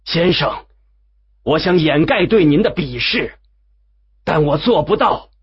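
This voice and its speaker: An intense, scornful scientist, read by a male narrator, with a very breathy, husky voice. He talks slowly and the line rises and falls a lot. The recording sounds dull and lo-fi. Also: fairly high pitch, animated, voice pushed up, heavily acted.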